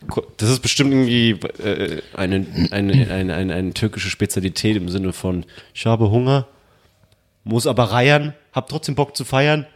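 A man's voice: fairly low pitch, normal speed. A man chatting casually with friends in a playful, teasing, quizzical way. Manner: playful, quizzical, laughs often. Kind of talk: casual chat among friends.

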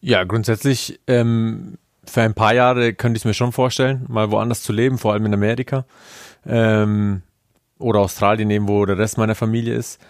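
A man from Nuremberg, co-hosting a podcast and answering in a measured, thoughtful way. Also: on the low side, fairly even intonation, dry recording, clean studio sound. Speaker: podcast co-host. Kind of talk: podcast conversation.

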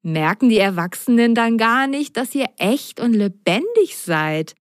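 A woman voicing a lively, mischievous young girl in a storybook reading, excited and bubbly. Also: fairly high pitch, measured pace, dry recording, studio quality, voice pushed up.

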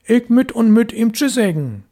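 A man's voice: very high voice, very animated, moderate pace, dark tone, pitched above the performer's own voice. A man voicing a stubborn, earnest little boy with a raised, pleading voice in a storybook reading.

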